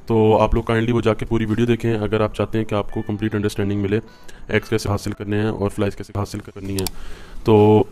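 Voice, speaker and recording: A man's voice: lowish voice, darkish tone, smooth. A man from Pakistan giving a patient step-by-step farming tutorial at a work table indoors. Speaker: farming instructor. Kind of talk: home how-to tutorial.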